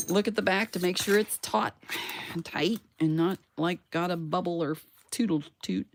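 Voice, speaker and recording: Low, gravelly woman chatting through a craft. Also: moderate pace, a little hiss or hum. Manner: chatty, talks to herself while working; playful sound words and self-cheering. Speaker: craft channel host. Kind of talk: casual crafting tutorial.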